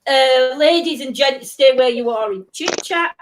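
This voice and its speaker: A woman's voice: sits high, measured pace, slight background noise. A British woman hosting a live stream in a casual, chatty style. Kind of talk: casual chat.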